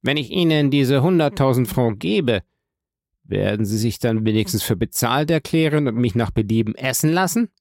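A man voicing a haughty, indignant rich gentleman in an audiobook, with imperious, exasperated outbursts. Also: mid-range voice, lively intonation, normal speed, gravelly, dry recording, clean studio sound. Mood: resigned. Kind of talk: audiobook character voice.

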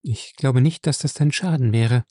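A man's voice: mid-range voice, moderate pace, dark tone, breathy edge, dry recording, clean studio sound, close to an everyday voice. A man voicing a weary young woman who pleads apathetically with her brother. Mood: pleading.

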